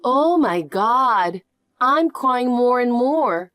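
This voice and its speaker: A woman's voice: a little high, lively intonation, drawn-out words, fairly bright tone, dry recording, clean studio sound, full character voice. A woman voicing a loving middle-aged foster mother who talks in an emotional, gushing way. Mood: tearful. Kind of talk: animated story voice.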